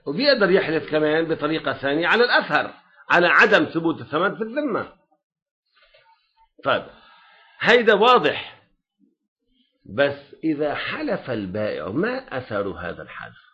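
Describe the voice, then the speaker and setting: Lebanese male teacher for a classroom lecture: animated and lively, keeps checking that students follow, dull lo-fi sound. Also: a little high, moderate pace, long pauses. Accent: Lebanese Arabic. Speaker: religious law teacher.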